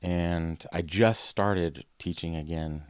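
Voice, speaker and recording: A man in his forties, a podcast guest, chatting in a relaxed, rambling way with many fillers and restarts. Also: sits low, slow, clear, resonant tone, no room sound. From Ohio. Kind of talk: casual conversation.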